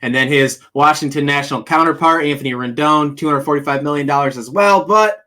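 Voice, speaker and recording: A man co-hosting a sports podcast, excitable and quick to fire questions in casual chat. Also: a little high.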